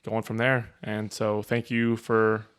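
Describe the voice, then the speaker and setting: A man's voice: fairly low pitch, monotone, slow, a bit bright, smooth. A man co-hosting a casual chat show, chuckling and signing off informally. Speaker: podcast co-host.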